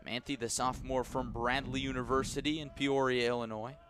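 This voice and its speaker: Over a noisy background, a man with an American accent gives radio play-by-play of a live baseball game. He keeps a level tone, calm between pitches, his voice lifting on the major plays.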